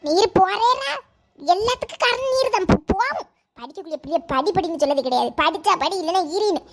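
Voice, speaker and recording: A woman's voice: very high voice, lively intonation, brisk, crowd noise. A woman voicing a scolding middle-aged village mother. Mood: exasperated.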